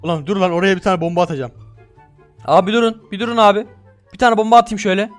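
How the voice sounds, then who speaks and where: A man giving excitable, slangy gameplay commentary, talking both to his viewers and to the game characters. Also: high-pitched, fast, faint music behind. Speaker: gaming YouTuber.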